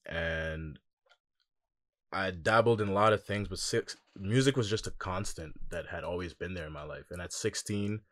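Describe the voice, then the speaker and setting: A young man with a very deep, low voice tells his story in a relaxed, reflective way, often pausing on "um" and "like". He speaks as a musician guest in a casual interview. The sound is close and dry, with no room around it. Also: no room sound. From Congo.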